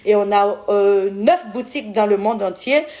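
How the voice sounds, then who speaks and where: A woman's voice: mid-range voice, normal speed, darkish tone. Chatty woman with an Ivorian French accent. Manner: chatty, affectionate, calls viewers "my loves"; loses track and corrects herself. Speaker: skincare brand owner answering viewers. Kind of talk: casual live-stream Q&A.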